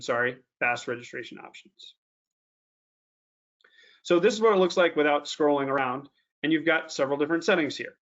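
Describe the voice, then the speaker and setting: A man's voice: a little high, fairly bright tone. Casual man giving a lo-fi webinar tutorial. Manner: casual, lots of ums and restarts, slows down to stress warnings. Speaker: webinar presenter. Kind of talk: screen-share software tutorial. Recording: dull lo-fi webinar audio.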